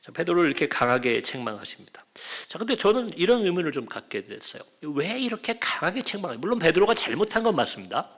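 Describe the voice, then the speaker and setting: A man preaching a sermon as pastor, talking in a conversational way, asking his listeners questions and dropping at times to quiet, near-whispered lines. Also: fairly high pitch, big pitch swings, quick pace, few pauses.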